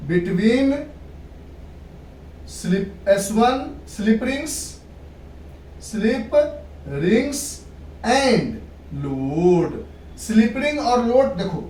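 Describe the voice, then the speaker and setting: A woman teaches physics in a classroom lecture, repeating points, checking understanding and mixing in English terms. Her voice is medium-pitched and mellow, recorded in an echoey room through a distant mic with background noise.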